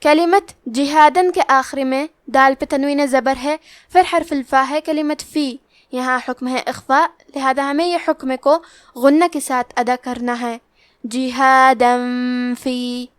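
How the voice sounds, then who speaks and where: A woman's voice: sits high, no room sound, clean studio sound. A woman teacher explaining Quran recitation rules word by word, in a methodical and patient way. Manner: methodical, patient step-by-step instruction.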